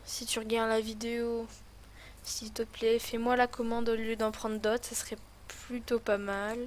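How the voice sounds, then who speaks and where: A woman's voice: on the high side, flat delivery, a little slow, slight background noise. A woman with a lisp on her s sounds, rambling and thinking aloud in casual commentary as she hosts a gaming video.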